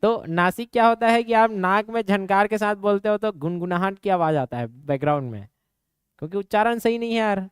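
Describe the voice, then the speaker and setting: Man, Chhattisgarhi accent, coaching class teacher, slight nasal ring, asks the class questions, clean crisp voice, dry close sound. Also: high-pitched, no room sound. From Chhattisgarh, India. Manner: asks the class quick check questions, then answers them; slips into regional dialect. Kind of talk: exam coaching class lecture.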